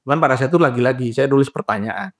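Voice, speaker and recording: A young adult man, a guest in a casual interview, explaining points lively and acting out dialogues with short laughs. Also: mid-range voice, rapid-fire, vocal fry. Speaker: guest, graduate psychology student and trainer.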